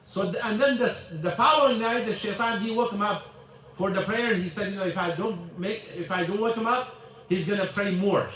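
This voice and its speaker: A man leads a relaxed religious lesson in a mosque hall, speaking broken English and going over the same points again and again. His voice is high and a bit bright, a little fast, captured from far away amid the hall's echo.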